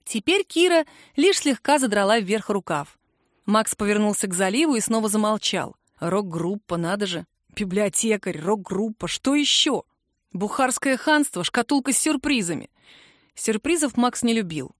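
A woman narrating a novel in an even storytelling voice, giving characters their own voices. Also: medium pitch, normal speed, no room sound, clean studio sound. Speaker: audiobook narrator. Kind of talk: scripted narration.

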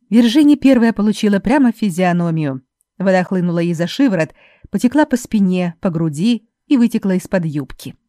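Brief: woman audiobook narrator, expressive literary reading, mellow dark tone, dry close sound. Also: lowish voice, no echo. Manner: dramatic, vivid reading.

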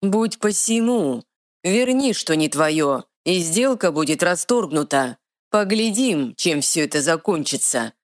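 A woman voicing an arrogant male dark sorcerer who speaks slowly with hissing menace, recorded dry. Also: fairly low pitch, lively intonation, dry recording, pitched above the performer's own voice. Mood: menacing. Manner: slow, drawn-out, hissing threats.

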